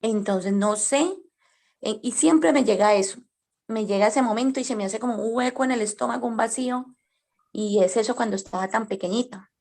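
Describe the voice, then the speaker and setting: A woman's voice: on the high side, normal speed, vocal fry. Shy woman sharing a story. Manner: shy and tentative, soft-spoken. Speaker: student in the class. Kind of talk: telling a personal story to the class.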